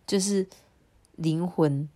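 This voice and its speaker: A woman's voice: fairly low pitch, takes it slowly, mellow. A woman reading a children's storybook aloud expressively and chatting about it with a child.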